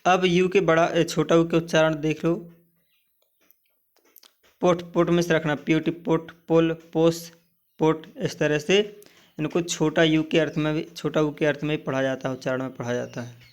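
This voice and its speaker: A man with a slightly high voice teaches English vowel sounds in Hindi. He says example words slowly, one by one, and keeps asking the listener what they are. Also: flat delivery.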